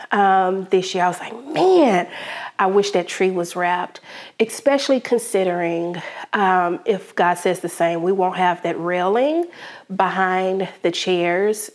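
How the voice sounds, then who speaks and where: A woman talks straight to her viewers in a casual home vlog. She reviews products she was sent in a chatty, animated way, dropping in "child" and "y'all" as she goes. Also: mid-range voice. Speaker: home DIY vlogger.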